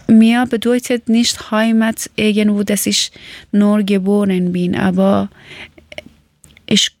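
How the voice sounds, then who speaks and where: Slow, hesitant woman from Iran. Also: mid-range voice, a little mellow, dry recording. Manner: hesitant, searching for words. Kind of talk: casual talk in learner German.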